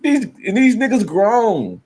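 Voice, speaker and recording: A man's voice: sits high, big pitch swings, slow pace, a little mellow, slightly rough. A man chatting loosely and rambling, laughing between lines. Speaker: podcast co-host. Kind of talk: casual chat.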